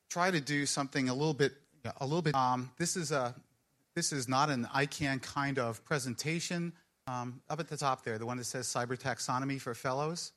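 A man's voice: medium pitch, fairly bright tone. A man giving a conference presentation, rambling and correcting himself as he goes.

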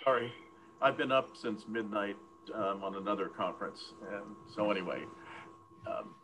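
A man speaking slowly and carefully in an online meeting, his voice distant and distorted as if down a well. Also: fairly low pitch. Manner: slow, careful, measured legal phrasing. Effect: distant, muffled, distorted line, like down a well. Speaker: meeting participant. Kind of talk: online policy meeting discussion. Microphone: remote call audio. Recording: noisy, distorted remote call line.

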